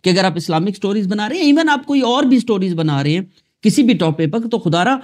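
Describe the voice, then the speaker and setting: A man from Pakistan hosting a screen-recorded software tutorial, talking chattily to his viewers. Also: high-pitched, animated. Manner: chatty, addresses viewers as "janab" and "dosto". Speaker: tutorial host.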